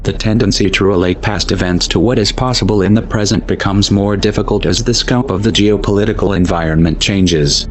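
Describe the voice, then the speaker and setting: A man with a disguised, pitched-down deep voice delivering a solemn, declamatory scripted narration. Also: steady tone, a little fast, few pauses. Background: music.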